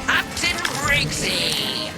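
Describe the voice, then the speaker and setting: Captain Briggsy, a vengeful skeleton pirate. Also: female voice, fairly high pitch, huge pitch swings, drawn-out words, full character voice. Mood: menacing. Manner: menacing, loud taunting. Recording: game cutscene over loud music.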